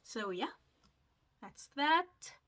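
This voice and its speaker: A Mauritian vlogger in her twenties, whose first language is Mauritian Creole, chats casually to her viewers while doing her skincare, full of fillers and asides. Her voice is a little high and fairly bright, swinging widely in pitch, and she speaks extremely slowly.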